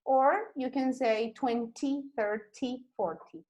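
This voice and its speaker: Slow, high-voiced teacher. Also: female voice, a little mellow, low-quality recording. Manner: slow, careful modeling of English pronunciation, switching to Spanish; affectionate with students. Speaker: English teacher. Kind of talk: recorded online class.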